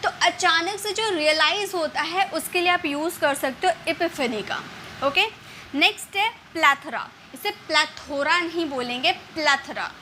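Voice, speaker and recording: Woman, casual English vocabulary teacher, high voice, repeats words, faint room noise behind. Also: bright, forceful tone. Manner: explains slowly, repeats words, many fillers. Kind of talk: casual spoken lesson.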